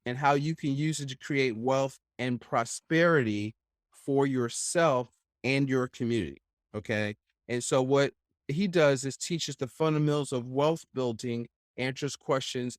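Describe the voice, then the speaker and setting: This podcast host speaks at a medium pitch in a clean studio recording with no room sound. Interviewing a guest, he keeps things casual and rambling, voicing strong opinions and tacking "right?" onto his points.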